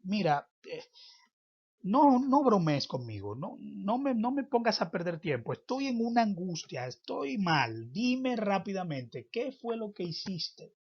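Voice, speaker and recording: A man voicing a distraught grieving woman who pleads urgently in halting, rushed restarts, heard on a dull lo-fi recording. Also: sits high, lively intonation, husky, voice pushed up. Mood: desperate pleading.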